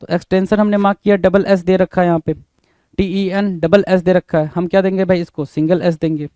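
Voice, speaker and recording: Male tutor, higher voice with a mellow tone, spells words slowly and repeats them, recorded dry and close. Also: little pitch movement, dry recording. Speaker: teacher. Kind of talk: exam-prep spelling lesson.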